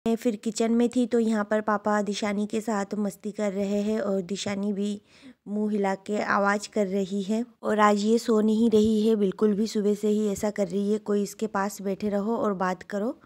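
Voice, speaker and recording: Indoors at home, a young mother from India chats through her vlog, showing items on her phone camera and describing them as she goes. Her voice is medium-pitched and level, at a normal pace, with a slightly dark tone.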